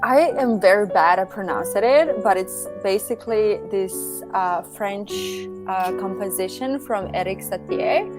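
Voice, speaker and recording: A Croatian woman who founded a startup answers casually as a podcast guest, giving thoughtful replies peppered with "like." Her voice is medium-pitched and unhurried, with hardly any pauses, and music plays in the background.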